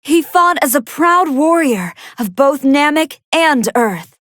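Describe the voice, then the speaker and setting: A woman voicing a gentle, earnest young female android scientist who gives polite, precise fight commentary in a video game. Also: high-pitched, slow, no room sound, studio quality, full character voice. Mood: curious, earnest. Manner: polite, precise, analytical, expressive. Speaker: match commentator.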